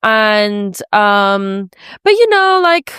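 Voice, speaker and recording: A woman from Spain hosts a podcast, running a casual conversational interview in an informal, chatty style and often slipping "like" into her sentences. Her medium-pitched voice is sing-song, smooth, fairly bright and extremely slow, recorded in studio quality with no room sound.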